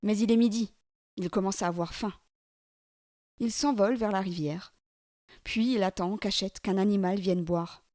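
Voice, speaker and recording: A woman's voice: mid-range voice, steady tone, moderate pace, long pauses, warm tone, no room sound, studio quality. Woman reading a children's tale aloud. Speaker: storyteller.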